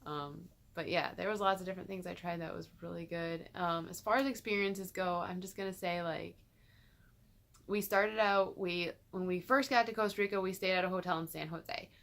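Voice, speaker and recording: Young woman, low-ish voice, casual vlog chat, lots of fillers, small bedroom. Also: fairly even intonation, normal speed, gravelly. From Michigan, USA. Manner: chatty, filler-heavy, frequent "like" and laughs. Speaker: vlogger.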